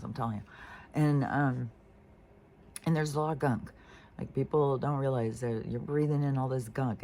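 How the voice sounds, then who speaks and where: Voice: mid-range voice, darkish tone, slight background noise. A vlogger telling a story in a casual, profane, rambling way while venting.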